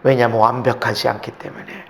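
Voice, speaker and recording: A male pastor preaching a sermon in a church. He acts out the voices he quotes and climbs to shouting at his peaks. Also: mid-range voice, fairly even intonation, fast, vocal fry, slight background noise. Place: church sanctuary.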